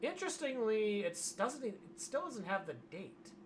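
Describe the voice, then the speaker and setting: A hoarse streamer in casual livestream commentary, wry and grumbling, reading aloud from a web page. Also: medium pitch, big pitch swings, moderate pace, slight background noise. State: losing voice, hoarse.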